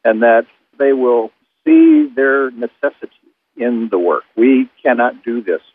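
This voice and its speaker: A man's voice: medium pitch, very animated, unhurried, slightly rough. A man giving interview comments as a ministry spokesman over a tinny phone-like line. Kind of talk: interview sound bite.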